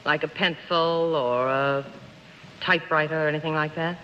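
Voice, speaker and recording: A woman's voice: deep voice, fairly even intonation, moderate pace, slight background noise. A woman on a panel game show in a 1950s TV broadcast, asking questions hesitantly with many fillers and a playful tone. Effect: 1950s TV broadcast sound. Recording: dull echoey 1950s TV broadcast.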